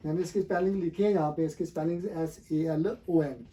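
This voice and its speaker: Mellow-voiced male teacher drilling pronunciation. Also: fairly high pitch, fairly even intonation. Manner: asks the viewer questions, then repeats the answers; slow and deliberate, with frequent pauses to think. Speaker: language teacher. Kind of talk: explaining a pronunciation lesson.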